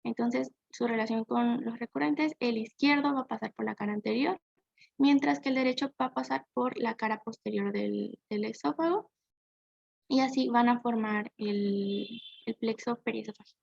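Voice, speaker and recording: Young woman, student presenter, hesitant, self-correcting, high pitch, dull lo-fi sound. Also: moderate pace, creaky, darkish tone, no room sound. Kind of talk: class presentation. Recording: dull lo-fi dry recording.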